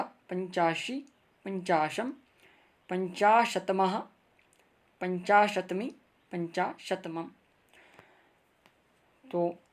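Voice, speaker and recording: Guy teaching a grammar video lesson, real slow, stretches each word form out, patient with viewers. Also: high-pitched. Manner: careful, drawn-out recitation of word forms; patient, addresses viewers directly.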